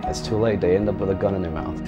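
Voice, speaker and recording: A man in his thirties, an army medic veteran, giving a candid, profane interview in a dark studio with a joking, blunt manner. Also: low voice, steady tone, very fast, muffled recording. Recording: music underneath.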